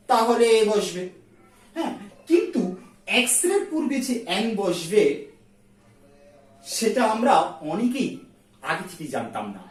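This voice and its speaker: Slow, drilling woman teacher in an echoey room. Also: mid-range voice, darkish tone. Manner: slow, repeats sounds to drill them. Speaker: English teacher. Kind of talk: explaining grammar in a video lesson. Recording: echoey room, far from the mic.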